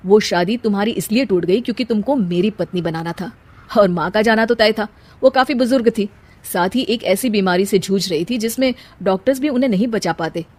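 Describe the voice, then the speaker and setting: A woman voicing a gentle young husband in a cartoon story, speaking softly and reassuringly. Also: medium pitch, fairly even intonation, fast, natural voice. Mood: soothing. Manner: soft, reassuring.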